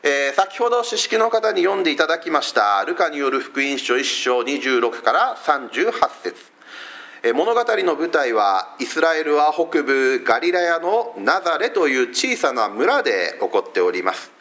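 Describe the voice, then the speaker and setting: Middle-aged pastor guy from fukuoka, bright voice, pitch jumps all over, lots of ums. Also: big pitch swings, normal speed. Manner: warm, conversational preaching with frequent fillers. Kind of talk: sermon. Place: church service streamed online.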